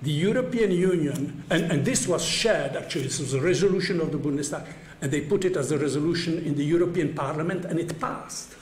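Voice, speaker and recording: Older male academic speaker, raised pitch, hesitant delivery, roomy hall with faint hum. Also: brisk. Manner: hesitant, many stacked fillers, wry chuckles. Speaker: conference speaker. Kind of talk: academic conference talk. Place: university seminar room. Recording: echoey room, faint background hum.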